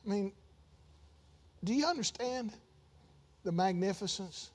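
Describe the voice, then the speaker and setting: A man with a high, light voice preaches a sermon. He talks it through like a conversation, then climbs into loud, emphatic runs and drops back to asides. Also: animated, a little slow. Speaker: pastor.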